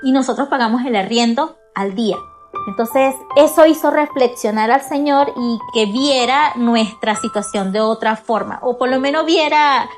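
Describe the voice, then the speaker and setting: A Venezuelan-accented woman tells her own experience with candor and composure. Her voice is high, and clear music sits underneath. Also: moderate pace. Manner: candid, composed storytelling. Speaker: interviewee. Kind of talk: personal testimony. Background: background music.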